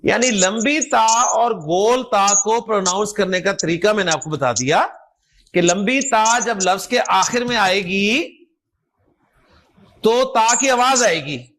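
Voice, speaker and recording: A man with a Pakistani Urdu accent teaching Arabic grammar, explaining slowly, repeating his examples and checking that the class follows. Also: high voice, lively intonation, a bit bright. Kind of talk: recorded grammar lecture.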